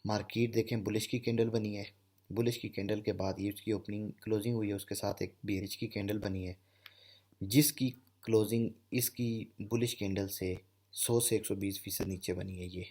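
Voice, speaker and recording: A Pakistani trading instructor gives a screen-share lesson on candlestick chart patterns, his fairly low voice darkish, husky and steady at a moderate pace. He explains step by step, often checking in with "okay" and repeating "theek hai."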